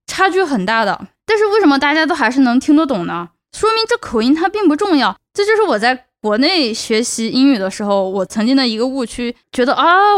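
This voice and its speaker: Earnest young Chinese woman, fairly high voice. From China (Chongqing). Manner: earnest, advice-giving, stresses words by repeating them. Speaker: podcast host. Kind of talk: casual solo podcast talk.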